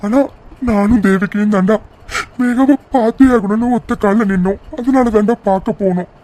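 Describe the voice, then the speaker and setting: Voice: medium pitch, moderate pace, dark tone, lightly acted. A performer voicing a worried father in a cartoon, full of regret, who explains himself to his children. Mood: regretful. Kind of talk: cartoon voice acting.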